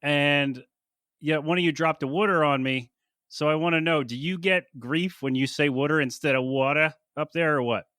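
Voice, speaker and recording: A male podcast host with a bright, slightly high voice, joking and teasing his guests through a casual interview. The sound is dry and close to the mic. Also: moderate pace, dry recording. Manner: jokey, teasing, laughs often.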